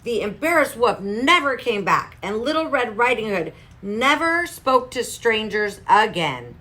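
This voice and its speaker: A woman reading a children's storybook aloud in a clear, lively way. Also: fairly high pitch, a little slow. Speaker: storybook reader.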